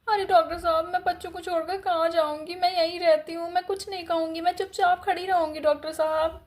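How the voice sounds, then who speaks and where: A woman's voice: extremely high pitch, steady tone, brisk. Woman doing a fussing, pleading mother. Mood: soothing. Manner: soothing, pleading.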